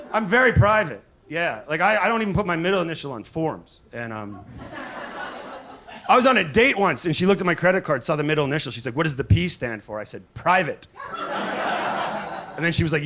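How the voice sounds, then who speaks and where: A man's voice: fairly high pitch, pushed and bright, slight background noise. A man doing a self-deprecating, hesitant, conversational stand-up set, with crowd laughter behind him at a live show. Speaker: stand-up comedian. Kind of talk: stand-up comedy set before a live audience. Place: live comedy venue on stage.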